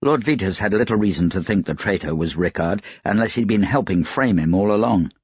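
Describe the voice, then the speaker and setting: A male narrator reads a fantasy novel in a measured, even storytelling manner. His voice is low with a husky edge. The recording is close and dry, and it sounds slightly dull. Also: no room sound. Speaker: audiobook narrator. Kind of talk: scripted narration.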